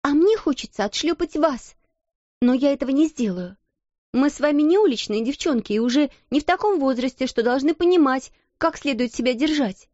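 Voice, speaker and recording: A woman voicing a kind but firm schoolgirl, gentle yet stern. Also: high-pitched, very animated, normal speed, no room sound, muffled recording, voice pushed up.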